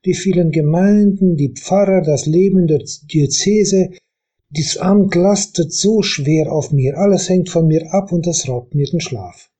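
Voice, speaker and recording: A weary, overburdened bishop, tired and sighing, as a pastor reads him out. The voice is dark and mellow with a husky grain. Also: male voice, high voice, unhurried.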